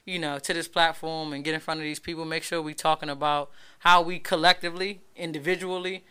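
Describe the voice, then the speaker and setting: A woman hosting a weekly radio talk show, speaking in an emphatic, animated, casual way. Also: deep voice, a little fast, smooth. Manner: emphatic, animated, keeps asking "you know what I'm saying".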